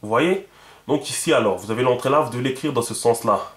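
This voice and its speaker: A man walks through a writing lesson in a loose, chatty way, circling back and repeating himself with plenty of fillers. His voice sits at an ordinary middle pitch. The room around him is echoey. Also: fast, fairly bright tone. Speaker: teacher. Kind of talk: casual video lesson.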